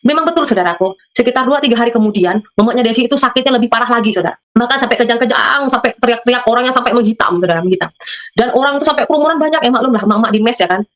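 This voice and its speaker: A woman's voice: fairly high pitch, very fast. A woman from Madura giving a spoken religious testimony, telling her story to listeners and acting out the voices of the people in it. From Madura, Indonesia. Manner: storytelling, often addresses listeners directly. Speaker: testimony guest.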